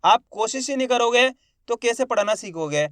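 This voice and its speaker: High-voiced man sounding out syllables. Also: lively intonation, fairly bright tone, smooth, dry recording, studio quality. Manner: slow, drawn-out syllables, addresses viewers as friends. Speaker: Hindi reading teacher. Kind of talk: spelling-out reading lesson.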